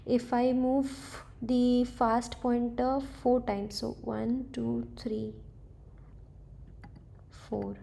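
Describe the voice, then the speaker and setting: A woman works through a coding problem out loud at an unhurried pace, hesitating and catching her own mistakes. Her voice is mellow and slightly gravelly, with little rise and fall. Faint keyboard typing sits behind her. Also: fairly high pitch, flat delivery, slight background noise. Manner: hesitant, tentative, self-correcting. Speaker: coding tutor. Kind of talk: thinking aloud while solving a coding problem.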